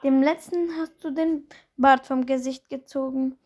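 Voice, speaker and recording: A woman's voice: sits high, steady tone, measured pace, a little mellow. A woman voicing a stern, sarcastic father who grumbles and mocks in a storybook reading. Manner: grumbling, mocking.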